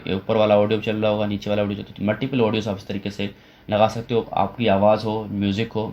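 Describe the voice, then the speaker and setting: A man walks through a software tutorial one step at a time, restarting his sentences now and then as he works at the computer. His voice sits fairly low, and the recording has a dull, lo-fi sound with muffled highs. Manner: step-by-step explaining with frequent fillers and restarts.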